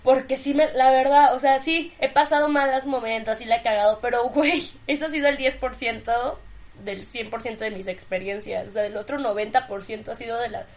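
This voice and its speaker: A woman's voice: a little high, fairly quick. A woman in her twenties with a Mexican accent, co-hosting a podcast in casual, slang-heavy chat and laughing often. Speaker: podcast co-host.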